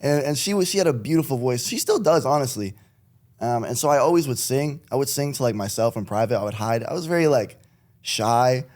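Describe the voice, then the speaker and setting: A man's voice: medium pitch, expressive, fairly quick, a little mellow. A young man from Connecticut, a rapper chatting as a podcast guest in a laid-back, rambling way with frequent laughs. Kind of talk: casual chat.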